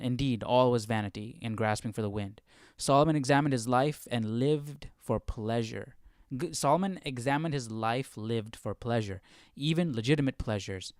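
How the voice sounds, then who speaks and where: With a smooth, darkish, medium-pitched voice, a man leads a Bible study on livestream. He reads passages and comments conversationally, often checking in with the listener, and the sound is dry and studio quality.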